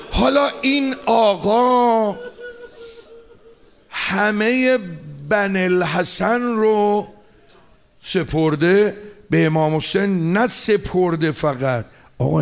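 Man, mourning preacher, high voice, gravelly, chanting lament. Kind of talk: mourning sermon.

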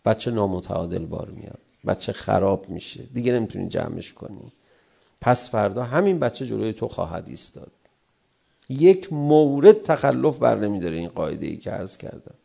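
Man, middle-aged cleric, sermon, gravelly, dark mellow tone, lively acted-out quarrels. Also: lowish voice. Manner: animated, acts out quarrelling spouses in raised voices.

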